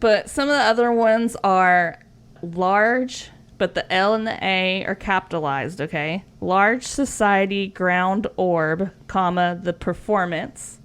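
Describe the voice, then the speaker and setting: A woman co-hosting a casual podcast, chatty and quick to giggle. She talks in an easygoing way full of little fillers, with her voice sitting in a middle pitch. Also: clean tone. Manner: chatty and giggly, sharing facts with frequent "like" fillers. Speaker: podcast co-host.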